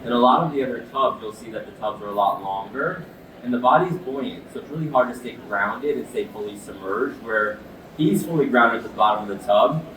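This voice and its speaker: A man's voice: medium pitch, brisk. Earnest guy doing an expert demo talk, kinda far from the mic, noisy behind him. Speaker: ice bath expert and product demonstrator with sports medicine background. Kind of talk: explanatory product demo talk. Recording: echoey, distant mic, noisy background.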